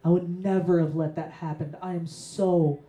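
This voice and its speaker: Soft, apologetic middle-aged mom on the verge of crying, put on by a male comic. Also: on the low side, steady tone, normal speed, close to an everyday voice. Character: tearful apologetic mother, middle-aged woman. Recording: roomy echo.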